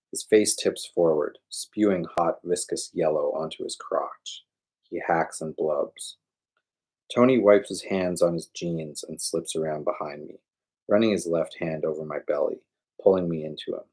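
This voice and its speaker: Male livestream reader, low husky voice, measured novel reading. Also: darkish tone.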